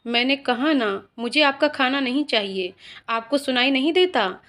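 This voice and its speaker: A woman's voice: high-pitched, normal speed, a bit bright. A woman voicing a hurt, angry young wife who speaks bitterly and reproachfully, in a dramatic story reading.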